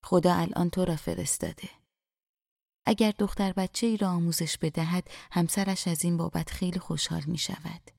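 Woman doing a soft coaxing ghost lady, mellow voice, dry close sound. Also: lowish voice, steady tone, vocal fry, no echo. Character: gentle ghost of a young woman, encouraging.

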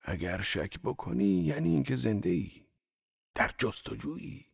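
A man voicing a tall, thin wandering dervish who gently teaches a wounded man in a storybook reading. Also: medium pitch, very animated, vocal fry, breathy edge, voice pushed up, heavily acted. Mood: earnest.

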